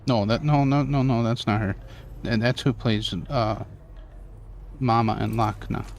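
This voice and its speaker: A man's voice: medium pitch, fairly even intonation, unhurried, gravelly, a little mellow, a little hiss or hum. A man streaming a video game, chatting casually and thinking aloud with lots of fillers. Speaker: gaming streamer. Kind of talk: casual live-stream commentary.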